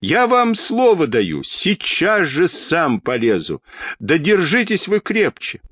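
A man's voice: a little high, huge pitch swings, slow pace, fairly bright tone, no echo, studio quality, voice pushed up, heavily acted. A man voicing a pale, anxious man in a storybook reading, begging and pleading.

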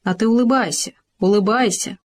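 A woman's voice: mid-range voice, moderate pace, lightly acted. Know-it-all hamster guy, pushy and preachy, keeps lecturing his pal, read by a lady. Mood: encouraging. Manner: insistent, lecturing.

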